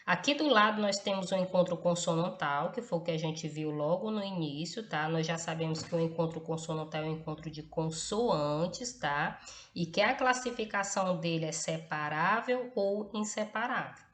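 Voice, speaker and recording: Brief: woman teacher, mid pitch, patient and deliberate, echoey room with faint hiss. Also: a bit bright. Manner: patient, tags nearly every phrase with "tá?" and "ok?"; slow and deliberate, spelling out letters one by one. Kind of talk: recorded class lesson.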